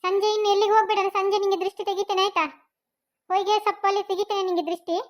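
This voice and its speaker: Speaking fast in a very high, level voice, a woman plays a worried, protective mother with a Mangalore Kannada accent who fusses over her young son and scolds him.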